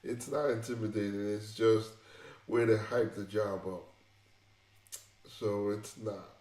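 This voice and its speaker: A man with a fairly low, mellow voice talks through career advice, hammering his points home and circling back over the same phrases. The sound is roomy and echoey. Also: steady tone, slow pace. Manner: emphatic and repetitive, restarting phrases. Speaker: tech vlogger. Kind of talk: casual advice monologue.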